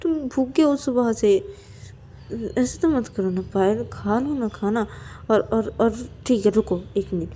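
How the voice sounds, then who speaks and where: A woman's voice: fairly high pitch, measured pace, dark tone, a little hiss or hum, voice pushed up, natural voice. A woman voicing a young woman who pleads with her lover to eat, repeating her words over and over. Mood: coaxing.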